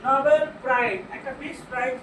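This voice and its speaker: High-voiced Bengali teacher in an echoey room. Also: male voice, fairly even intonation. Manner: asks the class questions, then answers them himself; reads English sentences slowly and explains them. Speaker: English grammar teacher. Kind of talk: classroom grammar lesson. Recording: echoey room, far from mic, noisy.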